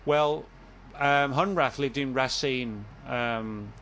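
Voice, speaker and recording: A man's voice: mid-range voice, takes it slowly, fairly bright tone, slight background noise. A man guesting on a casual talk show, telling a story at length, often stopping to correct himself. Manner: rambling, self-correcting storyteller. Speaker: author guest. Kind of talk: casual podcast conversation.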